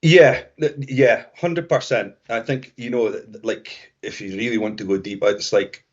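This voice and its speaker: A man's voice: medium pitch, fairly even intonation, moderate pace. A Scottish man co-hosting a podcast, talking reflectively in casual conversation with frequent restarts. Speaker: podcast co-host. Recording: dull lo-fi sound.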